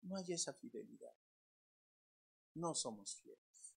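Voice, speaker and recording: A Mexican pastor preaching a sermon to his congregation in a conversational way, swinging between loud emphatic lines and quiet low asides, asking questions and repeating words. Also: expressive, a little slow, vocal fry, husky. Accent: Mexican Spanish.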